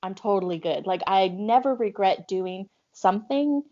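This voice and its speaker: A woman from Hawaii, a guest on a casual podcast, relaxed and candid as she talks, with soft laughs. Her voice is mid-pitched for a woman. The audio is a little dull and lo-fi. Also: normal speed. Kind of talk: casual chat.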